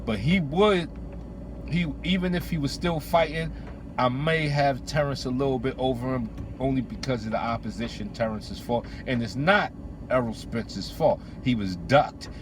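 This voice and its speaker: Over a noisy background, a medium-pitched man speaks at a moderate pace as a host offering boxing commentary. His sports talk is casual, opinionated and full of slang, with phrases repeated for emphasis, in or near a vehicle.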